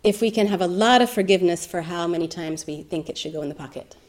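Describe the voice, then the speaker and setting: A woman giving a reflective meditation talk, soft-spoken and thoughtful with gentle laughter. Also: fairly low pitch, quick pace. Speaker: meditation teacher.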